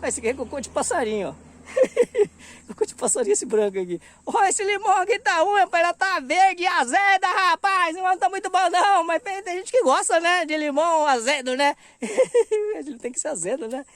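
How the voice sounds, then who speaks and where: Chatty high-voiced man vlogging. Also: lively intonation, brisk, a bit bright, dry recording. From Brazil. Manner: chatty, laughs often, keeps saying "rapaz" and "ó". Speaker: vlogger showing a roadside vegetable stand. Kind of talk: casual walk-around vlog. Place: outdoors at a roadside stand in hot afternoon sun.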